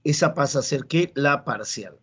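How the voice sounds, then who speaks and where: A man's voice: on the high side, animated, moderate pace, fairly bright tone, slightly rough. A man with a Peruvian Spanish accent teaching a classroom grammar lesson, repeating key phrases and checking in with students. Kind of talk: classroom lecture.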